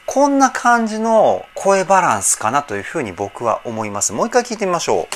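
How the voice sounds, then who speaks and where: A man's voice: on the high side, wildly swooping pitch, brisk. A man working as a voice trainer, giving a casual, admiring analysis of singing and explaining patiently with many fillers. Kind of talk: casual vocal analysis commentary.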